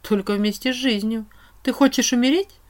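A woman voicing a brisk, teasing witch whose voice turns strict and cold. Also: medium pitch, natural voice. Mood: stern.

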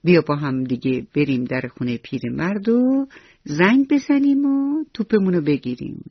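An earnest, reassuring little girl in a bedtime radio story, as a woman storyteller voices her. Her voice is breathy and sounds dull and dry, as on an old lo-fi radio recording. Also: deep voice, lively intonation, no echo, exaggerated voice. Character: confident kind young girl.

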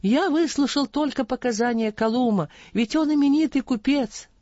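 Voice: high voice, normal speed, warm tone, no room sound, highs cut off, voice pushed up, natural voice. A reader voicing a timid, corrupt older judge who answers evasively in an audiobook.

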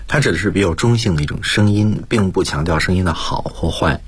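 Deep husky man explaining English grammar. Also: fairly quick, no room sound. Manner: explanatory, mixes English terms into Mandarin explanations. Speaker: guest lecturer, school principal. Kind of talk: explaining vocabulary and grammar on a radio lesson.

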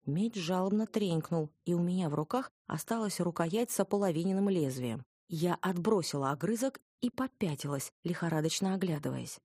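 A woman reads a fantasy audiobook in the first person, with dry irony. Her voice sits low and sounds husky. It is recorded close and dry, with no room echo. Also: expressive, normal speed, hardly any pauses, mellow. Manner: wry, ironic storytelling. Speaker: audiobook narrator.

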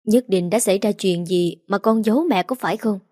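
A woman reading the part of a worried middle-aged mother who gives calm, firm advice. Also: mid-range voice, fairly quick, no echo, clean studio sound, lightly acted. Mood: concerned.

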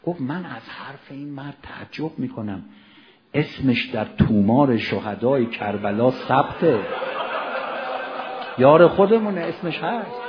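A man preaching a sermon, telling a story dramatically, moving from hushed passages to loud exclamations. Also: medium pitch, animated, muffled recording. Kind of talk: Ramadan religious sermon storytelling.

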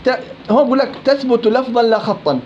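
A man with a Levantine accent teaches recitation in a classroom, firing questions at his students in a very high, quick voice. He teases them as he drills the rules. The recording is dull and lo-fi, with a faint hiss behind him. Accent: Levantine Arabic. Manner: questioning students, teasing and lively. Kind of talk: live classroom lesson.

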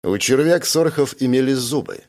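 A male reader narrates a first-person science-fiction audiobook at mid pitch. His telling is steady and even, with no rush. It is a plain scripted narration. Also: moderate pace.

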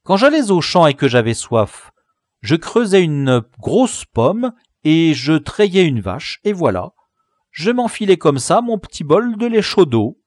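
A man reading an audiobook and voicing a boastful, clever village boy with a high, crowing voice. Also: very animated, takes it slowly, darkish tone, dry recording, studio quality. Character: boastful clever peasant boy, gang inventor. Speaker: audiobook reader.

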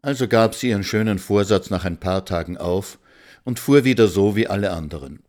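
A man narrates a storybook in a calm, measured way. His voice sits on the low side, and he tells the story plainly and steadily.

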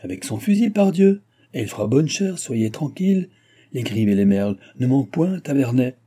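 A man voicing a gruff, selfish old male baron who blusters and raises his voice. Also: medium pitch, big pitch swings, moderate pace, warm tone, pitched above the performer's own voice. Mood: mocking.

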